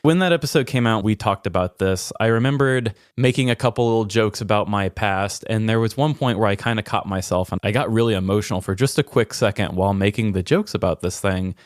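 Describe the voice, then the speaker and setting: A podcast co-host with a fairly low voice speaks in a personal, conversational way, earnest and searching for the right words. He talks fast with hardly any pauses, and the sound is close and dry with no echo.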